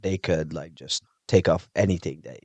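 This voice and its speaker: Deep-voiced man from Morocco, chatty. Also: normal speed, slightly rough, dry recording. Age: 30s. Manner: animated, laughing, fills with "like" and "you know". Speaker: judo instructor, podcast guest. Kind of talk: casual storytelling chat.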